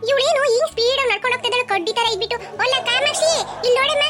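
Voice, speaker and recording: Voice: extremely high pitch, rapid-fire, sharp tone. A performer voicing a fussy, tired middle-aged woman in a cartoon, complaining and bossy, with children's music behind. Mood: grumbling. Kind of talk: cartoon voice acting.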